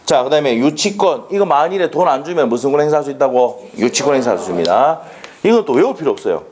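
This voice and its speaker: A man teaching a law exam prep class in a classroom, animated and drilling students with quick questions. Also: medium pitch. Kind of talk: classroom lecture. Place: lecture classroom.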